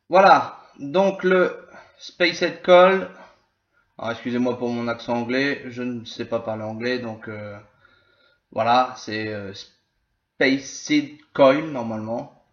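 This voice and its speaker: A man giving a casual hands-on tutorial as a gear reviewer, talking slowly and hesitantly with many filler sounds. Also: medium pitch. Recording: echoey room, dull lo-fi sound.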